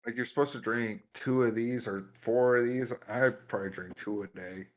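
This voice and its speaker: A man's voice: medium pitch, moderate pace. A young man co-hosting a podcast, telling stories in an easygoing, slangy way and laughing often. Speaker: podcast co-host. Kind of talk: casual chat.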